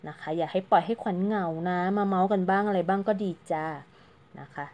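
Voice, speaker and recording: A woman's voice: mid-range voice, brisk, dull audio. A woman giving a casual, chatty crochet tutorial, counting stitches aloud and explaining each step politely. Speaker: crochet teacher.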